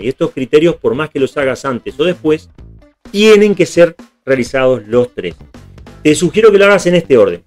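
A man's voice: mid-range voice, darkish tone. Patient man teaching code. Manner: patient, step by step, checks in with "¿está bien?". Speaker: programming teacher. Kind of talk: screen-recorded tutorial.

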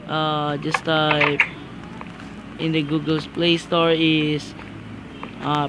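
A man casually showing off a game mod, excitable and halting, with fillers and chuckles. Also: fairly high pitch. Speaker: mod reviewer. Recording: loud background noise.

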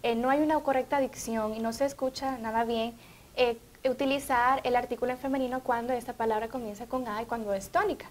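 A woman with a Honduran Spanish accent co-hosts a studio TV show. Her voice sits a bit high, and she reads out questions and announcements in a clear, bright manner. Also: steady tone, brisk, a little hiss or hum. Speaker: TV co-host. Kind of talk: educational TV talk.

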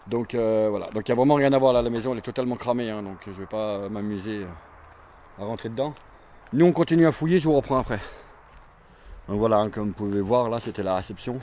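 Fairly low and warm, this man's voice moves fast, with a little hiss or hum on the recording. He's an urban explorer vlogger in his forties, strolling an abandoned burned campsite and chatting loosely into a handheld or chest action camera, rambling with plenty of fillers and repeats.

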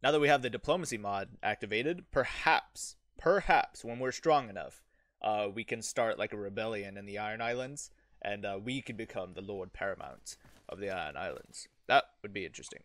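A man's voice: on the low side, brisk, a bit bright, no echo. A man giving casual, informal gameplay commentary, sweary and self-deprecating. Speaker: YouTuber, game streamer.

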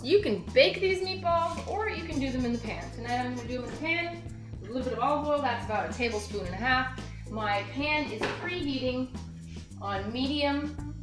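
A young woman hosting a home cooking show, talking casually and brightly straight to the viewer while she works in her kitchen. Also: high-pitched. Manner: chatty, upbeat, talks straight to the viewer. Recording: roomy kitchen with music behind.

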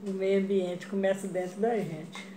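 A woman's voice: medium pitch, little pitch movement, moderate pace, dark tone, a little hiss or hum. A middle-aged woman from Brazil talking casually while she makes fabric flowers in her home kitchen. She speaks to her viewers in a chatty way and keeps adding little check-ins as she goes. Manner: chatty, addresses viewers as "gente", frequent "né?" and "tá?". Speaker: craft vlogger. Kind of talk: casual craft tutorial chat. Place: home kitchen, indoors, tiled walls. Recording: echoey tiled kitchen.

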